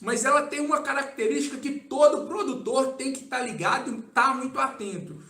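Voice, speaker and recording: A man with a very high voice and a Brazilian Portuguese accent talks casually through a live Q&A. He keeps checking in with his listeners, dropping "tá?" at the ends of his sentences. The sound is roomy and echoey. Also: normal speed. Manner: casual, relaxed, keeps adding "tá?" as a tag. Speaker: agronomy consultant answering viewer questions. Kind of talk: live-stream Q&A. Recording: echoey room.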